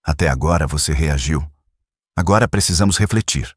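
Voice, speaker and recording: A man voicing a shrewd elderly male detective who speaks in a measured, gently probing way, in an audiobook reading. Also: a bass voice, breathy edge, dry recording, studio quality.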